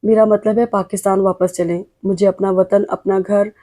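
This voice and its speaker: A woman's voice: mid-range voice, flat delivery, warm tone, natural voice. A woman reading the lines of a loving young wife in an earnest, emotional way.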